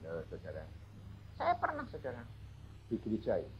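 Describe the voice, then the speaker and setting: A man's voice: on the low side, huge pitch swings, moderate pace, a little hiss or hum, low-quality recording. A male evangelist with a Javanese accent, preaching a humorous storytelling sermon and speaking straight to the congregation. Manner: humorous, chatty, addresses the congregation as "saudara".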